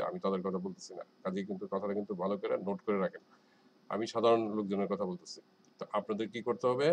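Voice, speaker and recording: A man's voice: on the low side, poor audio. A man teaching an exam listening lesson in a casual, rambling way, full of hesitations and repeated filler words. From Bangladesh. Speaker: IELTS teacher.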